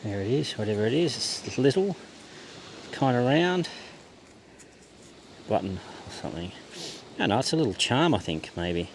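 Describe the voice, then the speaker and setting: Speaking in a sing-song, mid-range voice at a moderate pace with long pauses, a man sweeps a beach with his metal detector. He gives a relaxed, understated running commentary, half to himself, typical of a hobby vlogger, over clear outdoor background noise.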